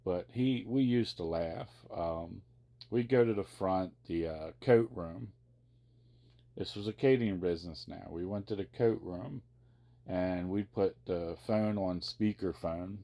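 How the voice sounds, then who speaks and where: Guy vlogger w a deep mellow voice, rambling casually thru old memories, chatty storytelling. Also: unhurried, creaky. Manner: rambling, reminiscing, conversational. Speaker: vlogger sharing personal memories.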